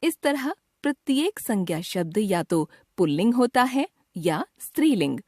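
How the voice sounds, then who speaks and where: A woman narrating a scripted grammar lesson for children, with slow, careful enunciation and an expressive teacherly lilt. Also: medium pitch, no room sound, clean studio sound.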